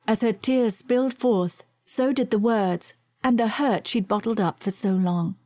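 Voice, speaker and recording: A woman narrating a romance novel aloud in a soft, measured reading voice. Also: on the high side, dry recording. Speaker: audiobook narrator.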